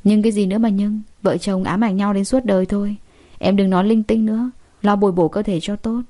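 A woman's voice: mid-range voice, steady tone, a little fast, close to an everyday voice. A woman reading the lines of a stern, determined young husband from a wealthy family in an audiobook. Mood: reassuring. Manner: firm, quietly determined.

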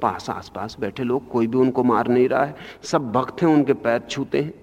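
Man giving a slow, emphatic discourse. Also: mid-range voice. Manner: slow, emphatic, rises sharply on key points. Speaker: spiritual teacher giving a discourse. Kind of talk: Hindi spiritual discourse. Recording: lo-fi archival recording in a long-reverb hall.

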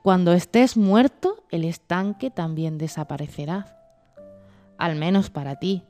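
A woman voicing Death as a calm, gentle female figure in a storybook reading. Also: lowish voice, soft background music, natural voice. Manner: calm, unhurried.

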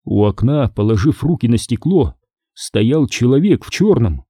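A man's voice: medium pitch, sing-song, measured pace, dark tone, breathy edge, no echo, studio quality. A man narrating a horror audiobook in a suspenseful, scripted way.

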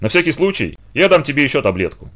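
A man voicing a fussy, anxious elderly aunt in a storybook reading, fretful and shrill. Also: sing-song, quick pace, sharp tone, exaggerated voice. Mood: disapproving.

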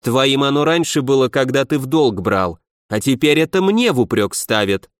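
A man's voice: mid-range voice, animated, moderate pace, no echo, studio quality, lightly acted. A man narrating a story and voicing a stern young princess who holds court, speaking in a curt, commanding way.

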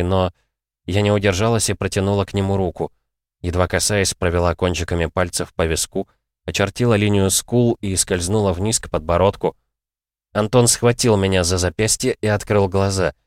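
Low-voiced male audiobook narrator. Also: no room sound, studio quality. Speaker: audiobook reader. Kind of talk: scripted first-person narration.

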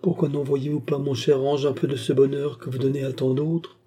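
A man's voice: medium pitch, level tone, brisk, mellow, slight background noise, voice pushed up, close to an everyday voice. A man voicing a devoted old female servant, tender and fretful, in an audiobook. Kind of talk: audiobook character voice.

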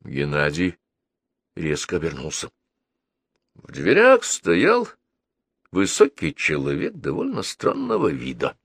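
A man narrating an adventure audiobook in an expressive, animated reading. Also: low-pitched, slow pace, vocal fry, long pauses, slightly rough, no room sound. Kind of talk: scripted narration.

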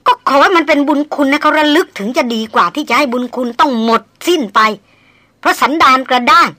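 Proud young noblewoman, read by a woman: bright, tense, scolding tone, dry close audiobook sound. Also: high voice, fairly quick, dry recording, pitched above the performer's own voice. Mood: indignant scolding. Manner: scolding, indignant. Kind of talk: audiobook character voice.

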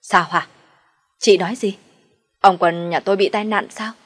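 A woman voicing a scheming older woman who pleads and flatters an in-law, in an audio story. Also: medium pitch, unhurried, breathy edge, faint music behind. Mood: alarmed.

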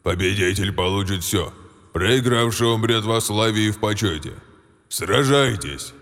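Man doing a deep solemn orc shaman. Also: fairly bright tone, in a large hall. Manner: slow, ceremonial pronouncements. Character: solemn aged male orc shaman, stern.

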